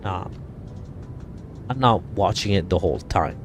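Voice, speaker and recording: A man's voice: low voice, a little slow, music in the background. A man from Italy, chatting casually on a flight sim stream, rambling and correcting himself often. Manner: rambling, many fillers and self-corrections. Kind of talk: casual live-stream chat.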